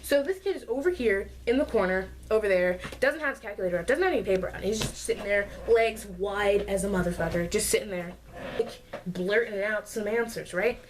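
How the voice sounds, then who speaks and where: A woman's voice: mid-range voice, a little fast, slight background noise. A young woman vlogger telling a casual, exasperated storytime rant about her classes, full of sarcasm. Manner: exasperated, sarcastic, mocks classmates in put-on voices.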